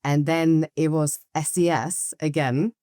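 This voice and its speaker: Lively woman from Norway, low voice. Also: measured pace, no room sound, clean studio sound. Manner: lively storytelling with restarts and quoted asides. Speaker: guest, agency founder. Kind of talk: conversational interview.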